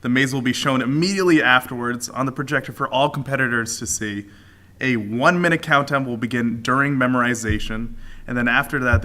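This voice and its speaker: A man's voice: medium pitch, bright, forceful tone. A man co-commentating a live competition stream in a casual, chatty way, also reading out rules. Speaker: livestream co-commentator.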